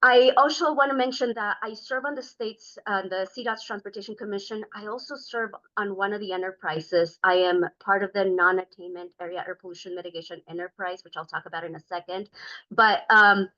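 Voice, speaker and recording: A middle-aged state transportation commissioner from Denver, Colorado introduces herself to a community group, speaking earnestly and at length with many ums and uhs. Her medium-pitched voice is bright, forceful and steady, and the meeting recording sounds dull and lo-fi.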